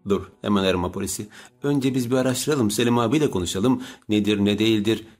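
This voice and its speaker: Blunt young guy, low voice, kinda urgent, read by a man. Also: quick pace, natural voice. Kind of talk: audiobook character reading.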